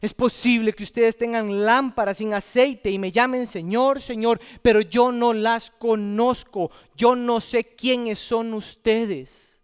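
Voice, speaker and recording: A man's voice: very high voice, steady tone, takes it slowly, clear, resonant tone, long reverb tail. A man voicing a stern bridegroom who firmly refuses the latecomers in a sermon. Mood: firm refusal.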